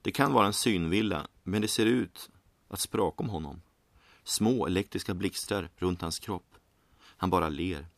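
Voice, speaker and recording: A man narrates a story in a calm, measured way. His voice is deep and low. The recording is dry and close, with no room sound. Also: no room sound. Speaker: audiobook reader.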